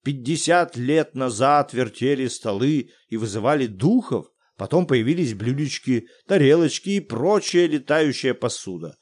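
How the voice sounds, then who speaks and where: A man voicing an excitable middle-aged academic in an audiobook, theatrical and loud. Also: medium pitch, normal speed, few pauses, natural voice. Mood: condescending. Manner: bellowing, theatrical, exclamatory.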